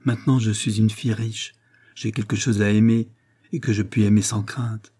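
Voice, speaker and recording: A man's voice: on the low side, steady tone, moderate pace, dark tone, slightly rough. A man voicing an affectionate young woman coaxing her mother tenderly, in an audiobook reading.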